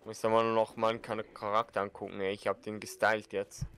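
A man's voice: fairly low pitch, flat delivery, brisk, a bit bright. A man giving casual, colloquial and grumbling commentary as he plays a game with a partner. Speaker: let's player. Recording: clear game battle noise behind.

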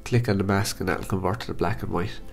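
A man with a blocked-up, nasal voice from hay fever, calmly talking through a software photo-editing tutorial step by step. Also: low voice, quick pace, gravelly, faint music behind. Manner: calm step-by-step instructions. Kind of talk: screen-recorded software tutorial.

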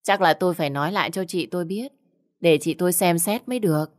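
A woman voicing a fat, fierce, bossy older village woman with a gruff voice in a storybook reading. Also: fast, lightly acted. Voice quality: gruff booming voice. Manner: scolding, pushy.

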